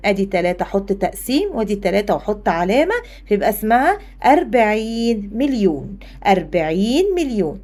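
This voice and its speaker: A woman math teacher with an Egyptian accent talks quickly through a lesson. Her voice sits a little high and she keeps turning to the pupil, answering for them in turn. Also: darkish tone. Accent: Egyptian Arabic. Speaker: primary school math teacher.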